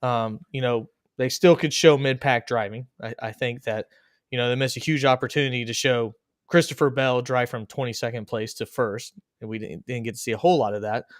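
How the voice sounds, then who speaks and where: A man hosting a casual racing chat podcast, joking and animated. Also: mid-range voice, fairly quick, no echo, clean studio sound. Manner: joking, animated, laughs at own bits. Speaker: podcast host.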